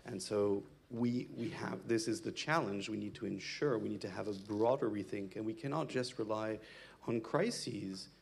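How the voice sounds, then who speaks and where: A man's voice: on the low side, normal speed, creaky, a little hiss or hum. A man in his thirties speaking as a panelist on a stage, thoughtful and reflective, into a handheld mic. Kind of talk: panel discussion answer. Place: stage in a large hall.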